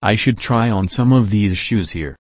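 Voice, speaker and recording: A man voicing himself in his own animated cartoon, with deadpan, matter-of-fact delivery. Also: lowish voice, normal speed, no echo, studio quality. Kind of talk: cartoon voice acting.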